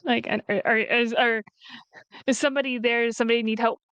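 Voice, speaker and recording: A woman's voice: a little high, fairly even intonation, fairly quick, a bit bright, clean tone, no room sound. A woman playing a tabletop game, tentative and casual as she describes her actions. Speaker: player.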